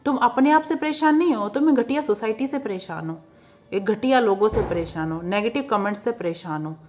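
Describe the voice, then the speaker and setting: A woman's voice: medium pitch, brisk, a little mellow. Blunt young Haryanvi woman vlogger. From Haryana, India. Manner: blunt and outspoken, mixing Hindi with English words and laughing at her own jabs. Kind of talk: casual monologue to camera.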